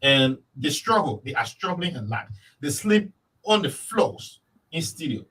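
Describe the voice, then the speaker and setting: A man's voice: on the high side, big pitch swings, a little slow, bright, forceful tone, breathy edge, far from the mic, low-quality recording. A man hosting an interview, earnest and often repeating his words. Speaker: interview host.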